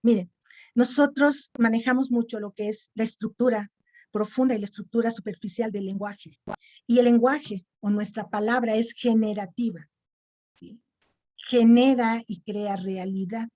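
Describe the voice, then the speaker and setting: A woman gives an online lecture in a fairly high voice. She explains step by step and keeps checking that her listeners follow. She sounds middle-aged and teacherly. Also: steady tone, a little slow, dark tone. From Mexico. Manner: didactic, checks in with frequent "¿sí?". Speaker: lecturer on self-esteem.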